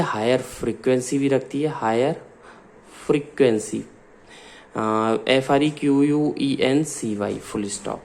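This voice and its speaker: A man's voice: mid-range voice, darkish tone. A man with an Indian accent, a science teacher dictating class notes and spelling out words letter by letter. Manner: slow dictation, spells out words letter by letter, mixes Hindi and English.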